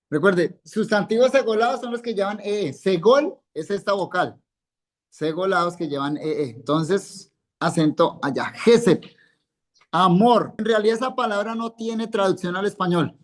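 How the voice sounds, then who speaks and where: A male Hebrew teacher, giving a live classroom lesson and patiently quizzing students by name, repeating each word. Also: high voice. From Colombia.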